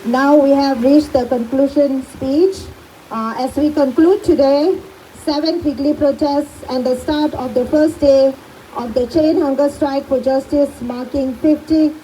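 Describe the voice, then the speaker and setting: A woman acting as emcee at an outdoor street protest, introducing the closing speech in a measured, formal way. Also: sits high, fairly even intonation, mellow, slight background noise, low-quality recording.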